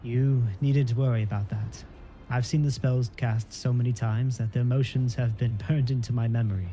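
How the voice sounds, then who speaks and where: Calm young scholar read by a man, deep dark timbre, soft music underneath. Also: normal speed, lightly acted. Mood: earnest. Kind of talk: reading game dialogue aloud.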